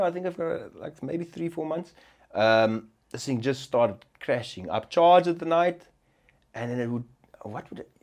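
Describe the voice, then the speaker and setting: A man with a South African accent in a relaxed podcast chat. He swears freely and rambles. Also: a little high.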